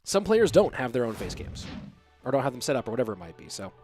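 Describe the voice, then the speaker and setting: Speaking fast in a mid-range voice, a young man with a cold-clogged nose casts a match casually as a solo esports commentator, with faint music behind him. He calls the play-by-play and reads chat. He's relaxed and chatty, answering viewer questions between plays.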